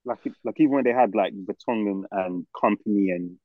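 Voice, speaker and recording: A man's voice: fairly low pitch, a little fast, no echo, phone-quality sound. A young man with a London roadman accent chatting casually about football as a podcast co-host, repeating phrases in stop-start slang. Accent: London, urban roadman slang.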